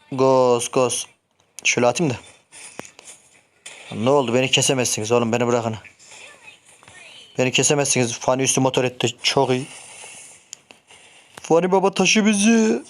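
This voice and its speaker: Excitable young gaming streamer. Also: male voice, mid-range voice. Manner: excitable, swears and grumbles at teammates. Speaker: gameplay streamer. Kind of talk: casual live game commentary.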